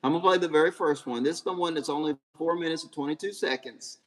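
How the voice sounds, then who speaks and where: A man's voice: fairly high pitch, fast talker, fairly bright tone. A man hosting a live stream, chatting casually and thanking listeners before playing a story. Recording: long hall reverb.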